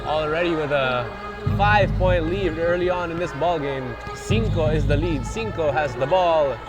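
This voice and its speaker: A man's voice: a little high, moderate pace. A man doing live play-by-play commentary on a basketball game. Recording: thin band-limited sound, loud background music.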